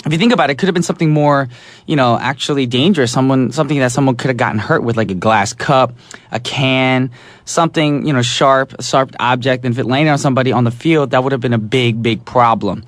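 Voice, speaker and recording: A man hosts an upbeat call-in radio show, chatty and enthusiastic, saying "awesome" and "alrighty" over and over. He talks fast at a medium pitch. His studio microphone picks up no echo.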